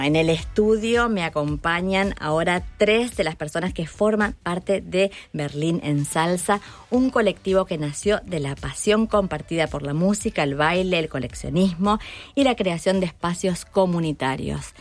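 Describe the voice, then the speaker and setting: A woman hosting a radio podcast interview in a studio, presenting in a clear, measured way. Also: lowish voice. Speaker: podcast host.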